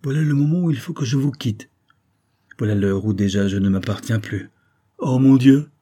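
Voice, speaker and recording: A man voicing a gentle, mysterious young woman in an audiobook, speaking softly, sadly and with quiet command. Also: mid-range voice, normal speed, slightly rough, natural voice. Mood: firm. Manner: soft, sad and commanding. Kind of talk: audiobook reading.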